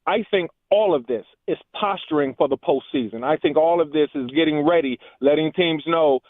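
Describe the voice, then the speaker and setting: High-voiced man calling in by phone. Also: normal speed, no room sound. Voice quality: muffled, as if underwater. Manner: earnest, building his point with restarts. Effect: heard over a phone line. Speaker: radio call-in caller. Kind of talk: talk-radio call-in. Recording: tinny phone line.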